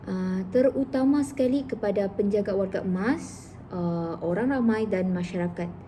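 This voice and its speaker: A woman's voice: mid-range voice, moderate pace, dark tone, slight background noise. Woman therapist giving chatty tips. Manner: chatty, explains through acted-out examples. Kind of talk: informal educational vlog talk.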